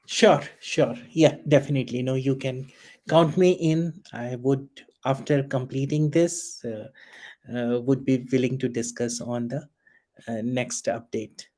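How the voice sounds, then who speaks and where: Man at mid pitch, obliging and halting on a video call. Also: steady tone, a little mellow. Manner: hesitant, many fillers, agreeable. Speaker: contributor. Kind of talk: online meeting chat.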